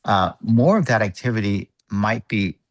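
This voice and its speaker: Low creaky-voiced man chairing a call. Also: animated. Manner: halting, thinking aloud, measured. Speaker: work group meeting chair. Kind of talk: online work meeting discussion. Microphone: video call microphone.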